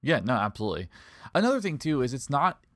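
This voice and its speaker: A man's voice: mid-range voice, sing-song, fast, a bit bright, no echo. Regular guy on a podcast, chatty and agreeable, lots of ums, dry mic. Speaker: podcast co-host. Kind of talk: casual podcast chat.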